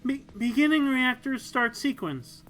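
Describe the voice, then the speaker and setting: A woman's voice: sits high, expressive, unhurried, faint music behind, voice pushed up, rough recording. A reader voicing a timid young woman rookie pilot who speaks meekly and stammers, in an audiobook story. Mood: nervous. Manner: meek, hesitant, stammering.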